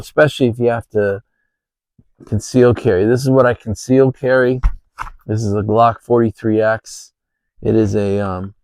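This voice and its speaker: Male vlogger, lower register, informal and halting, speaking outside in a backyard with a very dry sound. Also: a little mellow, no echo, rough recording. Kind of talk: casual talk to camera. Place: outdoors in a backyard.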